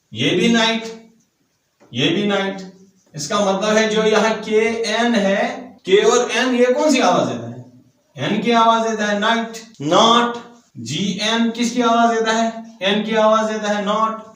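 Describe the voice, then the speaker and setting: A man teaching English phonetics, spelling letters aloud and slowly repeating example words. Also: high-pitched, a bit bright. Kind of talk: phonetics lesson. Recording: very echoey room.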